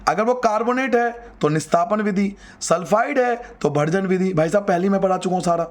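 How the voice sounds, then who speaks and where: Lively, high-voiced teacher, man. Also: brisk. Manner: lively, coaxing, repeats key terms, addresses students directly. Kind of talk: chemistry lesson for class 10 students.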